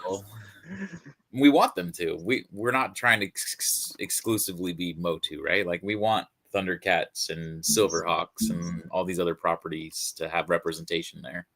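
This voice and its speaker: A man co-hosting a casual live-stream chat, upbeat and quick to laugh. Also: low-pitched, fairly even intonation, a bit bright. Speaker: podcast co-host, convention organizer.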